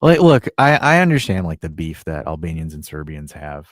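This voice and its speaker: A man's voice: a bass voice, sing-song, normal speed, no room sound, studio quality. A man from the United States co-hosting a casual sports podcast, ranting with plenty of profanity. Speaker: podcast co-host.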